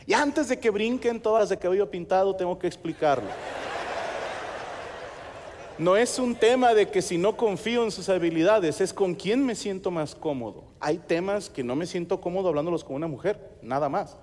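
High-voiced Mexican comic in a hall. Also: male voice, darkish tone. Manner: crude slang, acts out voices in quick asides. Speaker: stand-up comedian. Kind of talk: stand-up comedy set. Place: large theater stage, live audience.

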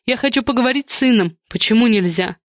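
A woman's voice: high voice, measured pace, no echo, clean studio sound, pitched above the performer's own voice. A woman voicing a frantic middle-aged mother and manager, pleading and bewildered, near tears, in a raised voice.

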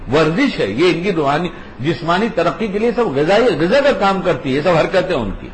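An older man, a grandfather, gives an informal religious talk in a high voice, teaching emphatically and conversationally while repeating his key points. The recording is low quality, with slight background noise.

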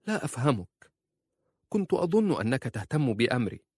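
A man voicing an anxious young wife who pleads and holds back tears, in a high voice. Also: big pitch swings, a little fast, darkish tone, breathy edge, no echo, clean studio sound. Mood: pleading.

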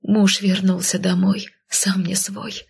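A woman voicing a frightened, gentle undead young mother who speaks softly and beseechingly. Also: mid-range voice, steady tone, normal speed, vocal fry, slightly rough, voice pushed up. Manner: soft, whispered and beseeching.

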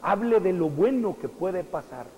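A man preaching a sermon, speaking emphatically with sudden jumps in pitch and loudness and putting questions straight to his congregation. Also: expressive, unhurried, big-room sound, poor audio. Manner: addresses the congregation directly with questions.

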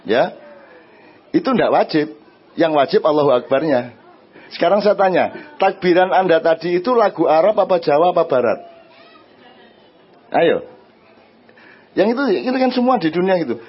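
A man with an East Javanese accent speaking to an audience. He answers their questions in a lively, conversational way and often asks them "right?". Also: a little high, moderate pace, long pauses, slightly rough, highs cut off. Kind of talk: religious and social talk before an audience.

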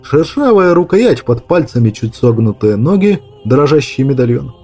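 A man narrating an audiobook with dramatic, lively storytelling. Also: mid-range voice, moderate pace, slightly rough, soft background music. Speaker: audiobook reader.

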